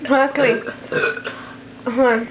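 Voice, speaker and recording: A woman's voice: a little high, steady tone, moderate pace. A young woman chatting playfully and casually with friends in a giggly, slangy way, on a tinny, noisy lo-fi recording. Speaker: participant filming a home burping contest. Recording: tinny lo-fi phone-like sound, noisy.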